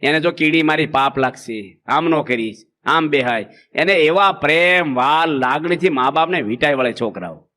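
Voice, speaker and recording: Humorous sermon by a male monk preacher, high and bright, folksy storytelling. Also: lively intonation, normal speed. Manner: folksy, acts out village anecdotes with quoted voices.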